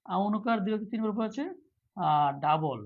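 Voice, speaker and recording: A man's voice: sits high, fast talker, narrow, tinny audio. A male teacher leading a live online lesson for job exams, repeating each question again and again to quiz his viewers. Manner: reads viewer comments aloud, softer.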